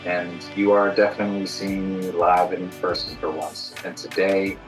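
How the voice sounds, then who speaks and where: An American man from Virginia hosts an informal podcast in a deep, fairly flat voice at a moderate pace, joking at his own expense. He records indoors in an alternative studio space with an echoey sound and soft music in the background.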